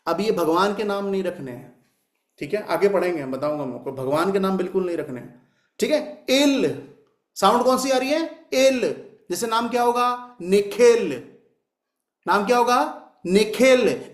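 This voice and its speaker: A man teaching a numerology class, repeating sounds aloud to demonstrate and answering his own questions. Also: high-pitched. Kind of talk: classroom lecture. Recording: echoey room.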